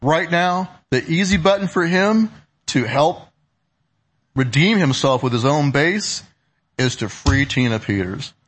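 A man's voice: fairly high pitch, expressive, a little slow, husky. A man hosting a political talk show, conversational, with casual, punchy phrasing.

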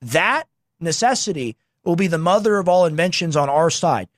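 A man with a slightly high voice hosts a political call-in show. He talks informally and emphatically, pushing his opinions, in a dry, close recording. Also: lively intonation, normal speed, no room sound. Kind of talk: political talk show commentary.

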